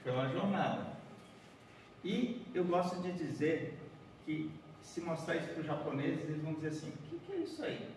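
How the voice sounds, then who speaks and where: A man's voice: on the high side, sing-song, normal speed, darkish tone. Man, 40s, workshop talk, chatty, keeps asking the group, faint room noise, distant camera. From Bahia, Brazil. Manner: chatty, keeps asking "né?" and "certo?", walking and folding paper. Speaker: origami speaker. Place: large dim conference room. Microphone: far room camera, no mic seen. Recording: echoey hall heard from far off.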